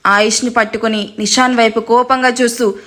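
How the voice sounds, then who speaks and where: Brief: woman storyteller, scripted dramatic narration, voice pitched high. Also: a little fast. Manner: steady dramatic reading, playful asides.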